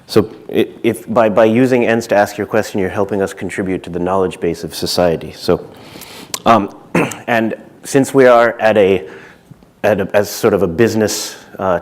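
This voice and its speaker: A man in his thirties, from Zimbabwe, giving a casual conference talk on stage with many fillers and restarts. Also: lowish voice. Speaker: conference speaker.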